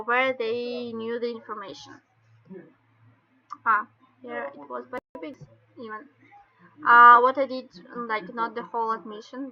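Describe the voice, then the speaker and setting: A woman with a Russian accent explains things step by step in halting non-native English, like an informal online training session. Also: a little high. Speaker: webinar presenter. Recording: dull lo-fi webinar call audio.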